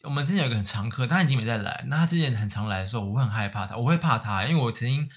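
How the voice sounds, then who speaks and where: A man, co-hosting a podcast and telling stories in a casual, animated way with many restarts. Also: mid-range voice, racing. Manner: animated, restless storytelling with repeated restarts. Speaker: podcast co-host. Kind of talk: casual chat, storytelling.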